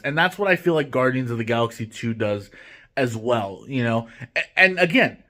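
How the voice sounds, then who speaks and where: A man's voice: a little high, a bit bright. A man hosting a casual movie review vlog, rambling with lots of restarts and fillers. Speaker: host.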